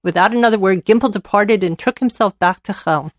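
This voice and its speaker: A woman tells an old folk tale with expressive, lively storytelling. Her voice sits at a middle pitch, and the sound is very dry and close, with no room around it. It feels like a host reading to her listeners. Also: a little fast, no echo.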